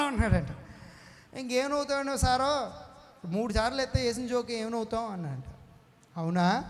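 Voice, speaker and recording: A male pastor preaching a sermon to a congregation, telling jokes, asking the people questions and calling for responses, building to emphatic shouts. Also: very high voice. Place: prayer hall before a congregation. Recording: echoey prayer hall with long reverb.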